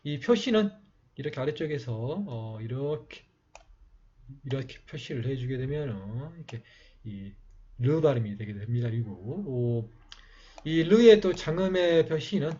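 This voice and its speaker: A man slowly explaining how to write letters in a lesson, pausing often with fillers. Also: mid-range voice, lively intonation, warm tone, husky. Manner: slow, halting explanation with many fillers. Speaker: teacher. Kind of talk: calligraphy writing lesson. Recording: dull lo-fi recording.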